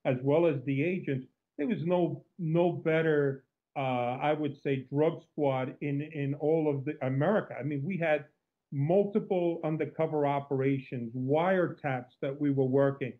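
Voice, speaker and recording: A slightly high, steady-toned voice at a measured pace belongs to a man from Cuba with a Cuban accent who once worked undercover. In an interview conversation over a tinny, phone-like line, he's an outgoing storyteller who keeps restarting.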